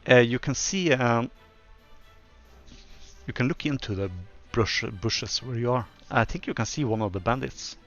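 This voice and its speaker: A man narrating as game master of a tabletop game, relaxed and chatty, laughing often. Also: mid-range voice, normal speed, dull audio, soft background music.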